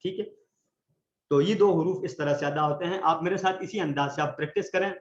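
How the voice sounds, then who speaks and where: A man teaching Quran recitation in an online class, patiently explaining and slowly demonstrating letter sounds for his students to repeat. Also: fairly high pitch, echoey room, highs cut off.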